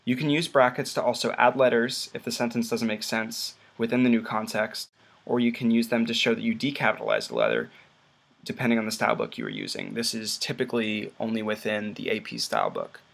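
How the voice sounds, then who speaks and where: A man narrating a slideshow lesson, explaining things plainly with occasional pauses and restarts. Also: medium pitch, big pitch swings, gravelly, fairly bright tone. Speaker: student presenter.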